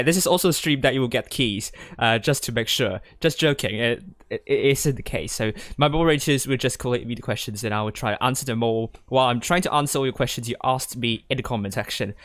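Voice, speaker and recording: Answering his livestream audience from a gaming chair indoors, a young Hong Kong streamer and tournament commentator rambles hesitantly and repeats words often. The mid-range, slightly bright voice has studio quality and no echo.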